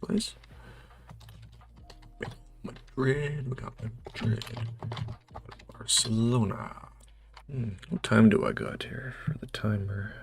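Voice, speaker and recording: A North American man plays a geography quiz, thinking aloud casually and hesitantly muttering questions to himself. His medium-pitched voice moves slowly with vocal fry and long pauses. Music and computer keyboard typing play behind him.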